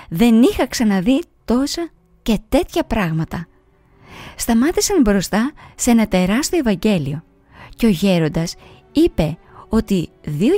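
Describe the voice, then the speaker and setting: Woman reading a story, very expressive. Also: a little high, dry recording. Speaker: audiobook reader. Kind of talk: storybook narration.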